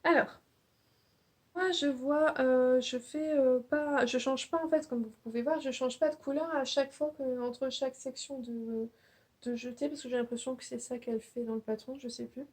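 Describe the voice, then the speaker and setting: A woman's voice: sits high, fairly even intonation, normal speed, breathy edge. A young woman hosting a knitting podcast, chatting casually and hesitantly, with many fillers and restarts. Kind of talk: casual show-and-tell chat.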